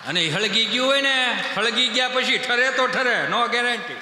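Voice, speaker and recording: A man's voice: extremely high pitch, expressive, moderate pace, bright, forceful tone, slight background noise. A man doing stand-up storytelling, acting out the voices of the people in his stories. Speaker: comedian. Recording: echoey hall with long reverb.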